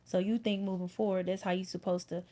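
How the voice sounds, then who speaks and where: Blunt woman guest with a mellow voice. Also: fairly low pitch, little pitch movement, fast. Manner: blunt, opinionated, casual slang. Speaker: podcast guest. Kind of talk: casual podcast chat.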